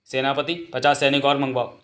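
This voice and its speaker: A man's voice: mid-range voice, flat delivery, normal speed, fairly bright tone, close to an everyday voice. A man voicing a fat, boastful, cowardly king in a comic dub. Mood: pompous. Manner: pompous, blustering.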